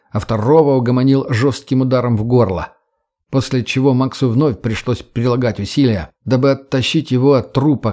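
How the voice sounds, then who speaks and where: A man narrating an audiobook in a steady, dramatic storytelling manner. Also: mid-range voice.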